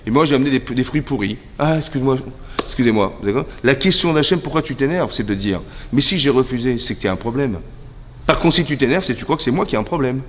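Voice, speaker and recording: A man from France teaching a lively religious class, acting out dialogues and quizzing his listeners. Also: mid-range voice, quick pace, a little hiss or hum. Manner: animated, acts out dialogues, asks listeners questions. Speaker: rabbi teaching a women's class. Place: lecture hall. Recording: hall reverb.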